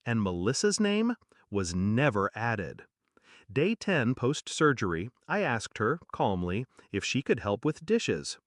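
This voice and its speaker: An older man narrating a first-person story in measured, dramatic short phrases. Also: medium pitch, big pitch swings, no room sound, studio quality.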